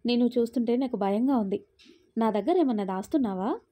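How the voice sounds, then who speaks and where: A woman's voice: on the high side, animated, brisk. A woman doing a caring young husband. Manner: gentle, coaxing.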